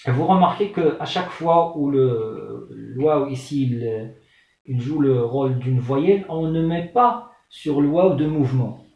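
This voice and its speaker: In a slow, spelled-out Arabic lesson, a man with a medium-pitched, gravelly, darkish voice patiently sounds out syllables one by one and repeats them, speaking a little slowly. The echoey room gives the recording a dull, lo-fi sound.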